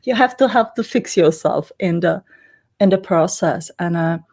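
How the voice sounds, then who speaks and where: A middle-aged woman from the Czech Republic, a native Czech speaker with a Czech accent, appears as an interview guest and works as an energy healer. Her fairly low, slightly mellow voice has lively intonation and a moderate pace as she explains things casually, rambling along.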